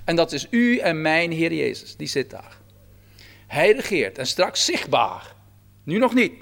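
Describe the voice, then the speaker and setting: Animated preacher, high lively voice. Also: male voice. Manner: animated, acts out God's words. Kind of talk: sermon on a psalm.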